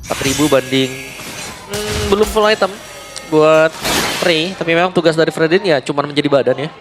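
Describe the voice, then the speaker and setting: A man's voice: on the high side, normal speed. A man with an Indonesian accent giving conversational analysis during an esports match. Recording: game music behind the voice. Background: music.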